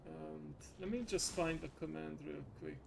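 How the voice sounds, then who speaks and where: A man giving casual, halting gameplay commentary as he recaps a game's story. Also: on the high side, steady tone, vocal fry, noisy background. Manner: halting, unhurried. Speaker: game streamer giving a lore recap.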